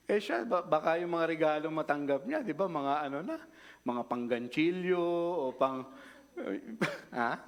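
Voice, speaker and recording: Man, preacher, casual conversational sermon, frequent tag questions, slightly high voice.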